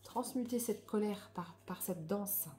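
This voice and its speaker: A woman reads oracle cards aloud in a soft, reflective way, adding her own comments and often trailing off. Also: medium pitch, unhurried, faint music behind. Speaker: spiritual card reader.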